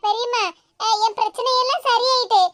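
A woman voicing a sorrowful, mistreated young daughter-in-law in an animated cartoon, speaking a southern Tamil Tirunelveli-Kanyakumari dialect in a tearful, pleading way. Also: very high-pitched, brisk.

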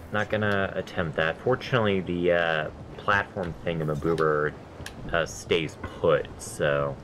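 A man with a very deep, nasal voice rambles and runs himself down while commenting on his gameplay in a casual let's-play, drifting between memories and swearing each time a jump fails. A constant hiss runs beneath the recording.

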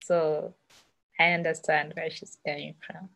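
A woman's voice: sits low, level tone, measured pace, gravelly, fairly bright tone. A woman from Uganda, a graduate student and guest speaker, answering questions casually on a video call, often laughing and repeating words.

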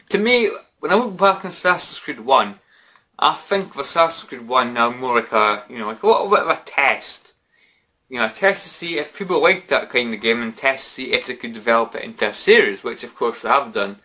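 A young British man talks to the camera in a casual, drunken ramble. His voice is mid-pitched and bright, with a forceful edge. He circles back over his points and throws in mild swearing and filler phrases. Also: expressive, a little fast. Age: 20s. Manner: repetitive, rambling, peppered with "you know" and mild swearing. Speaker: gaming vlogger. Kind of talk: casual vlog chat to camera. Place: small bedroom, indoors.

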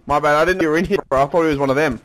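A man's voice: fairly high pitch, very fast, a bit bright, rough recording. A young man in casual game chat, slangy and matey, often repeating himself. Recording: gaming headset chat with background noise.

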